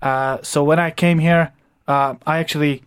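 A man's voice: on the high side, fairly even intonation, normal speed, clean tone. A young man from Croatia with a Croatian accent, a guest on a radio interview, telling his story steadily with some fillers. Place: radio studio.

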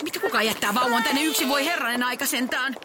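A woman's voice: sits high, very noisy, natural voice. A woman voicing a kindly adult woman who fusses and dotes on a baby in a children's story. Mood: flustered. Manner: fussy, doting baby talk.

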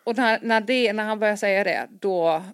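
In clean, studio-quality audio with no room sound, a young woman speaks at a medium pitch as a podcast co-host. She chats casually, spinning a lengthy story with lots of energy and animatedly performing each quoted line.

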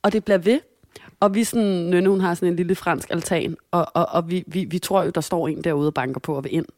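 A woman's voice: fairly low pitch, no echo, studio quality. A woman telling a childhood story in a casual chat, acting out what people said with changing voices. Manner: animated, acts out quotes with shifting voices.

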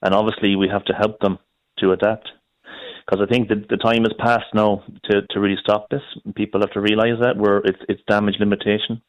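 A man's voice: lowish voice, level tone, a little fast, no echo. A middle-aged man with a west of Ireland accent, talking informally and emphatically as a caller to a radio phone-in, often repeating himself. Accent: west of Ireland, Galway. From Galway, west of Ireland. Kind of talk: informal opinionated talk. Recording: dull, dry lo-fi call audio.

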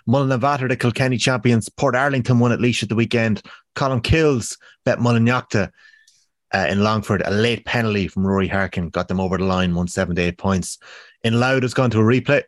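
A man's voice: fairly low pitch, a little fast, dry recording, clean studio sound. A man with an Irish accent hosting a casual sports podcast, giving a round-up.

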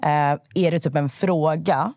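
Woman, low voice, animated storyteller, dry close sound. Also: no room sound. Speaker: podcast co-host. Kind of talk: casual chat.

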